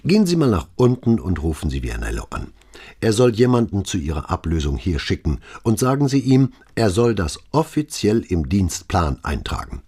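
A male narrator voicing a calm, weary middle-aged police commissioner who speaks in a measured, quietly authoritative way. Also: deep voice, slightly rough, heavily acted.

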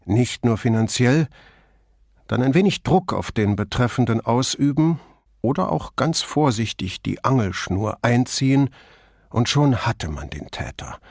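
A man reads an audiobook in a measured, even storytelling voice. His pitch is ordinary for a man. He is recorded close to the microphone in a dry studio. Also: no echo. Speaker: audiobook narrator. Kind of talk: scripted audiobook narration.

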